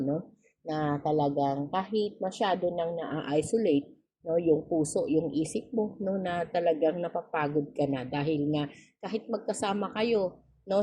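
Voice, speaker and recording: A woman giving a tarot reading straight to the viewer, polite and gentle, tagging nearly every phrase with a questioning "no?". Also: sits low, slightly rough. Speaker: tarot reader.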